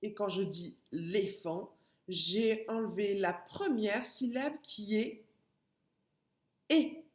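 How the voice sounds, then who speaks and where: Woman, kindergarten teacher, phonics lesson, patient, syllable by syllable, medium pitch, roomy echo. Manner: slow, syllable-by-syllable, patient explaining. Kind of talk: phonics lesson for young children.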